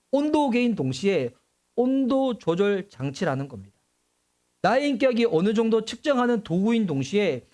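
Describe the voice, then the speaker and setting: Animated high-voiced male pastor preaching. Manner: animated, acts out voices and exclamations. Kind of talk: sermon.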